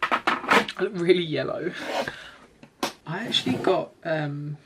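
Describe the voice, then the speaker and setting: A young woman doing a chatty, self-deprecating makeup vlog in her bedroom, sometimes breaking into excited squeals. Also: low voice, slow pace, very noisy. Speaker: beauty vlogger. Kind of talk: chatty get-ready-with-me vlog.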